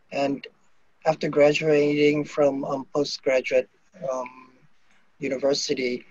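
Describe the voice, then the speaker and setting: A man from Japan, a native Japanese speaker, introducing himself as a panel guest over a video call, with many pauses and fillers. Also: medium pitch, a little hiss or hum. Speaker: organ procurement director, panel guest. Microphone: computer mic on video call. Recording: dull lo-fi video call audio.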